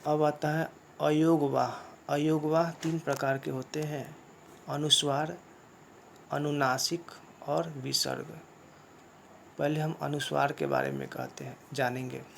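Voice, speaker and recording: Slow, gravelly male Hindi teacher. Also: fairly high pitch, a little hiss or hum. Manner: slow, repetitive explaining with rhetorical questions. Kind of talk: classroom lesson.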